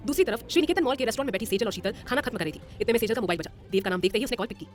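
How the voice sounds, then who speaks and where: Brisk woman narrating an audio drama. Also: fairly high pitch, faint music behind. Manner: brisk, expressive.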